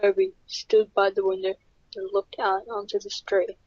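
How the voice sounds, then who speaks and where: A woman narrating a horror story in a plain, steady reading voice. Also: medium pitch, normal speed, a little hiss or hum. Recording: dull lo-fi.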